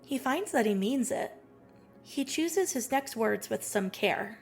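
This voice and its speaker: High-voiced expressive young woman reading aloud, voiced by an actress. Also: measured pace, soft background music. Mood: narrating. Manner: expressive, easily moved to tears. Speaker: story reader.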